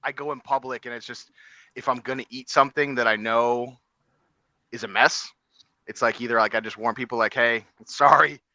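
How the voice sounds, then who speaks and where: Bright-voiced rambling man. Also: medium pitch, level tone, a little fast, no echo. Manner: rambling storyteller, many fillers and restarts. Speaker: podcast co-host. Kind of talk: casual chat.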